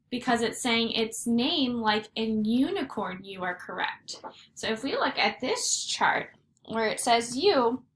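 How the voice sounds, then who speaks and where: A woman teaching a phonics lesson to first graders, sounding out letters slowly and clearly. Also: fairly high pitch, a bit bright. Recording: echoey room with faint noise.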